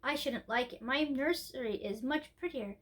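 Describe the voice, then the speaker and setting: A woman's voice: high voice, moderate pace, fairly bright tone. A woman voicing a curious, chatty little princess girl in a storybook, asking things in an eager, childlike way.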